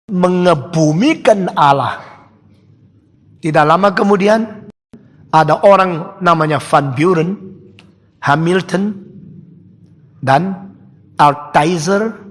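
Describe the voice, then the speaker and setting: An older man preaching a sermon, telling a story with animated laughs and shouts. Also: a little high. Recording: long hall reverb.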